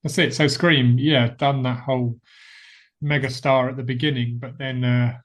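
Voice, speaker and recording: A man's voice: mid-range voice, flat delivery, normal speed. A man co-hosting a podcast, chatting casually and laughing often at himself. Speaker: podcast co-host. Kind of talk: casual chat.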